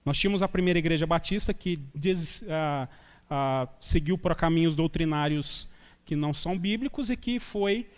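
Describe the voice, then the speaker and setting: A man's voice: a little high, normal speed, clear, resonant tone. A man preaching a sermon as a guest pastor, talking in a conversational way, telling anecdotes and asking rhetorical questions. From Brazil. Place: church sanctuary. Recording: long church reverb from a live stream.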